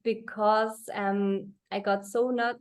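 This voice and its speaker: Slow-speaking young Swiss German woman. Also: medium pitch, little pitch movement, clear, resonant tone. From Switzerland. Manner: halting non-native English. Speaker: speaker sharing her story. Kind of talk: informal testimonial talk.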